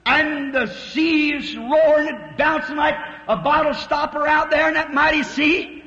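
A man preaching an impassioned revival sermon, often shouting. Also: very high voice, fairly even intonation, takes it slowly. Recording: old roomy dull recording with loud crowd noise. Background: congregation noise.

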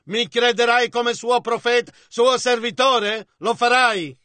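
A man reading an Italian voice-over of a sermon in a measured, even way on a close mic. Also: very high-pitched, dry recording. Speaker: interpreter voice-over.

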